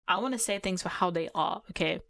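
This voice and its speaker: A woman's voice: lowish voice, a little fast, gravelly, fairly bright tone, no room sound. A woman doing casual gameplay commentary, talking bluntly and giving frank advice with playful asides. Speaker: gaming commentary creator.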